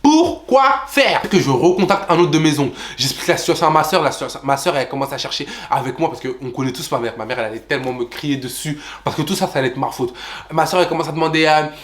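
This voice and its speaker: A young man telling a personal travel story to his viewers in an animated vlog style, talking straight to them and jumping into high voices to act out what people said. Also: fast talker. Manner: animated, addresses viewers as "les gars", jumps into high voices for quotes. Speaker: vlogger.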